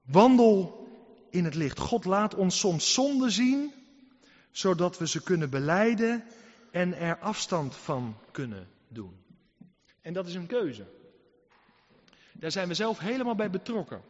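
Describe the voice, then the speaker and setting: A man preaching a sermon, emphatic and full of rhetorical questions, who swings between loud and soft. The recording is reverberant and dull. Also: high-pitched, big pitch swings, unhurried, long pauses. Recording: reverberant hall, dull lo-fi sound.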